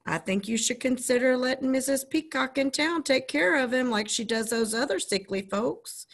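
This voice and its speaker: A woman's voice: sits high, expressive, normal speed, voice pushed up. A woman voicing a blunt, matter-of-fact country doctor in a storybook reading, speaking firmly and plainly. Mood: persuasive.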